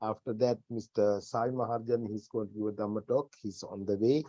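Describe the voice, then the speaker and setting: A man hosting a service with informal announcements in halting, hesitant phrasing, on a dull lo-fi recording. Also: fairly low pitch, fairly even intonation, mellow, no room sound. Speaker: service host. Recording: dull, lo-fi sound.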